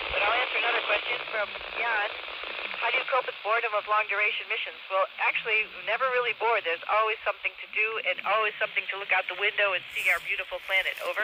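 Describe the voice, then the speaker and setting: A man speaking from a space station over a radio downlink, patiently repeating call signs and answering questions. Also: high voice. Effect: heard over a radio downlink. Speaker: astronaut answering school questions. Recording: muffled radio reception with loud static.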